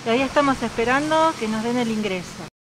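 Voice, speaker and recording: A woman's voice: a little high, lively intonation, fast talker. A middle-aged woman with an Argentine accent, chatting casually to her camera on an empty street, giggly and playfully embarrassed. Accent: Argentine Spanish. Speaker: vlogger. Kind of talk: casual vlog chat. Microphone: handheld camera. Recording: outdoor background noise.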